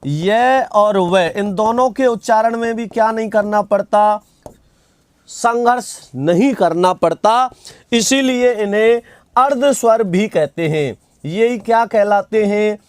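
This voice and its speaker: A man's voice: sits high, slow, darkish tone, clean tone, no room sound. A man teaching an online grammar class, asking questions and answering them himself, repeating key terms and reading out viewer comments. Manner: reads out viewer comments and replies.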